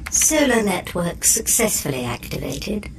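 Calm, slow ship computer. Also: female voice, medium pitch, background noise. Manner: level, clipped machine announcements. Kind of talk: audio drama acting.

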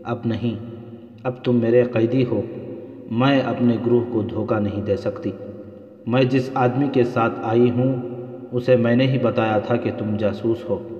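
A man's voice: medium pitch, steady tone, natural voice. A man reading the lines of an impassioned young female spy torn between love and duty, in a dull, roomy recording. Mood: bitter. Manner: pleading, impassioned.

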